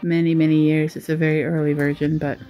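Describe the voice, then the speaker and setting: A woman's voice: low-pitched, little pitch movement, fast talker, mellow, faint music behind. A woman from Australia giving a casual, chatty show-and-tell as a vlogger, rambling in a giggly, self-deprecating way. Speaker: vlogger and writer giving a desk tour.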